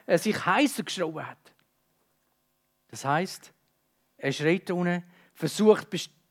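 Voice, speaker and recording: High-voiced man preaching with emotion. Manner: emotive, dynamic delivery moving between urgent and hushed; speaks directly to listeners. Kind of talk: sermon.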